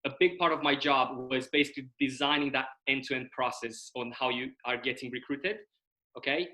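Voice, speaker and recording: As a guest in a casual video-call interview, this young Romanian explains things at length, punctuating them with "right?" and "okay?". His medium-pitched voice has a sharp tone and fairly even intonation at a moderate pace, captured in a rough recording.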